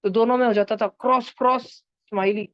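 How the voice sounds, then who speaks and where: A woman's voice: fairly high pitch, fairly even intonation, brisk, no room sound, dull audio. A woman teaching a math lesson to children in an online class, turning numbers into story characters and acting out their lines. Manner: playful, acts out number characters in voices.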